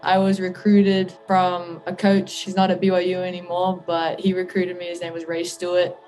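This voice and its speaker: A woman's voice: on the low side, completely flat delivery, moderate pace, a little mellow, faint music behind. A young woman from New Zealand with a New Zealand accent, a college basketball player answering interview questions in an easygoing, thoughtful way. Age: young adult.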